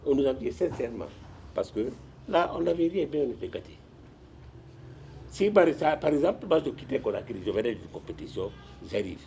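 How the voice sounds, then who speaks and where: Animated older man telling stories. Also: mid-range voice, a little fast, slight background noise. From Guinea. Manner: animated storyteller with frequent restarts and repetitions. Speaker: retired sports administrator and guest. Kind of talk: storytelling in a sit-down interview.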